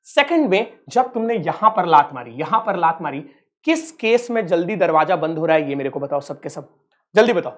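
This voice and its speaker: A man's voice: fairly high pitch, big pitch swings, normal speed. A man from Uttar Pradesh, India, teaching a physics lesson online in a playful, teasing way and calling his students kids. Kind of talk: online exam-prep lecture.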